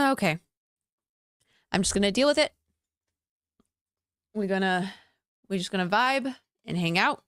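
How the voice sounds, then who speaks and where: A woman's voice: mid-range voice, expressive, a little slow, long pauses, fairly bright tone, no room sound, studio quality. A young adult woman streamer with the hiccups, chatting casually and a little exasperated to her viewers. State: has the hiccups.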